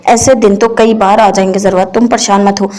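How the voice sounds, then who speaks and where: Woman voicing a young doctor and protective older sister, choked up but firm, flat steady reading. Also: medium pitch, natural voice. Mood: tearful. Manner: choked, tearful, then firm.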